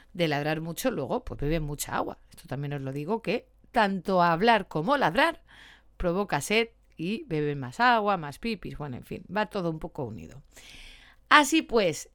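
A woman dog trainer explaining dog behavior in a casual, lively way, now and then acting out short quoted lines. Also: on the low side, no room sound, clean studio sound. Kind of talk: casual educational talk.

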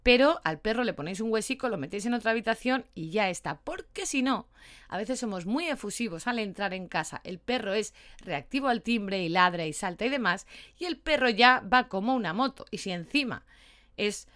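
Talkative lady, dog trainer, chatting on her podcast, animated. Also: mid-range voice, brisk. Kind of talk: casual podcast talk.

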